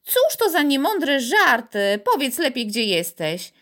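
A woman's voice: fairly high pitch, sing-song, a little slow. A woman doing a doubting young boy. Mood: agitated. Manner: skeptical, mocking, easily riled.

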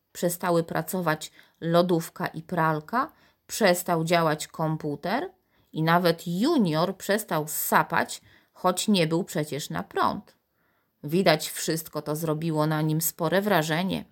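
Woman narrator, children's story, slow unhurried pace, lowish voice.

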